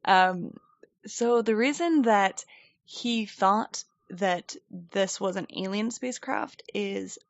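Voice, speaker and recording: Speaking slowly in a mid-range voice, a woman co-hosting a podcast rambles through a casual story and laughs often. Her desk microphone yields a dry recording with dull audio.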